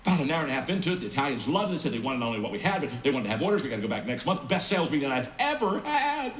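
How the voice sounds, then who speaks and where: A man voicing an excited male businessman gushing about his trip in a told story. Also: medium pitch, rapid-fire. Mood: elated. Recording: echoey room with faint hum.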